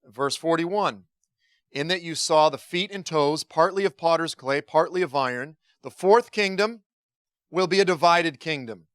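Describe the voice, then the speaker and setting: A man's voice: a little high, unhurried, fairly bright tone, clean tone, dry recording, studio quality. A man giving a conversational Bible teaching talk to a congregation, informal and joking, with frequent restarts and asides.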